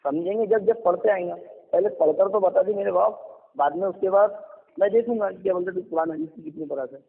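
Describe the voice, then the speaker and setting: A man with an Indian Urdu accent scolds his opponent in a religious debate and leans on repeated fillers. His voice is fairly high. It comes through a tinny phone line with a long, echoing tail. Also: gravelly.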